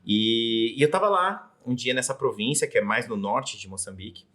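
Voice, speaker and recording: A man's voice: mid-range voice, normal speed. A young Brazilian man, a Portuguese teacher, talking enthusiastically as a guest in a casual interview. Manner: enthusiastic, animated, shifts into soft reflective storytelling.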